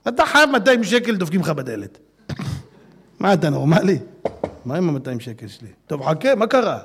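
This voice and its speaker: A man giving an animated sermon to an audience, dropping to a hush and then breaking into loud, laughing exclamations. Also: a little high, breathy edge. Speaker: religious speaker.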